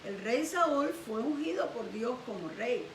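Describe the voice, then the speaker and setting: High-voiced woman pastor preaching. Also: measured pace. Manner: animated storytelling preaching. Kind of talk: sermon. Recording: echoey room, distant mic, faint hiss.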